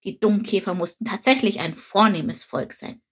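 A woman narrates a children's story aloud in a calm, even manner. Her voice sits at a middle pitch and has a soft, breathy quality. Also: moderate pace.

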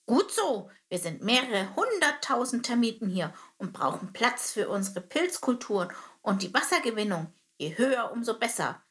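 A woman's voice: on the high side, big pitch swings, moderate pace, few pauses, a bit bright. A woman voicing a stern male termite captain who speaks in a clipped, metallic military manner in a storybook reading. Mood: friendlier. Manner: curt, clipped military commands.

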